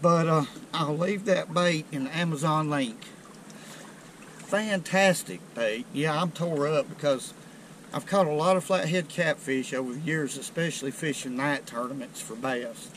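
A middle-aged man fishes from a rocky riverbank below a dam while giving folksy, excited commentary as a fishing video host. His voice sits on the high side and moves a little slowly. A chest-mounted action camera records him outdoors with slight background noise.

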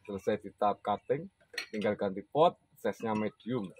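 Outdoors in a plant yard, a man with a Javanese Indonesian accent hosts a casual sales presentation, reviewing bonsai for sale and repeating prices and names for viewers. His voice is fairly low and his pace moderate, with slight background noise.

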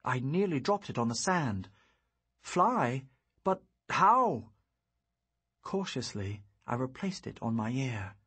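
Male audiobook narrator for first-person fantasy; very breathy, husky tone, lively pitch, unhurried reflective read. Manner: measured, reflective storytelling.

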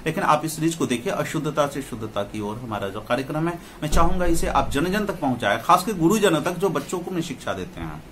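A man's voice: on the high side, very animated, fast talker, hardly any pauses, fairly bright tone, a little hiss or hum. A man giving a spoken lecture on Hindi pronunciation, explaining carefully, asking rhetorical questions and repeating sounds as examples.

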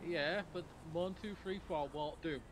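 A man playing a stubborn hostage taker in a game role-play, answering with flat refusals. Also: fairly high pitch, measured pace. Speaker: player acting as a hostage taker.

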